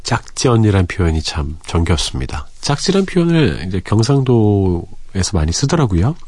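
Deep-voiced man hosting late-night radio. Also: very animated, normal speed, dry recording. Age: 40s. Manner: easygoing and chatty, with soft breathy asides. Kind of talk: late-night radio talk, reading listener messages. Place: radio studio. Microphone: close studio microphone.

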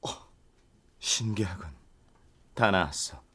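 A man playing a proud, terse demon king in a radio drama, with a dark-lord delivery. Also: low-pitched, takes it slowly, slightly rough, dry recording, exaggerated voice. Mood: calm, curt. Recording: music under the voice.

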